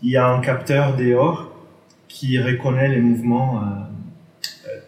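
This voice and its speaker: A man's voice: medium pitch, little pitch movement, unhurried, a little mellow. A non-native man with a foreign accent in French gives an informal presentation, hesitating, searching for words and correcting himself. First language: not a native French speaker. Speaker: artist presenting an exhibition. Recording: roomy echo, distant microphone.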